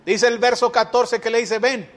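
A man's voice: very high voice, a little slow, a bit bright. A man preaching a sermon, firing rhetorical questions at the congregation and acting out the people he quotes. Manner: acts out quoted speakers.

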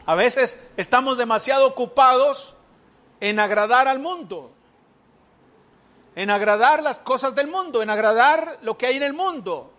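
A man's voice: very high voice, unhurried, a bit bright. A man preaching a sermon, firing rhetorical questions at the congregation and acting out the people he quotes. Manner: acts out quoted speakers.

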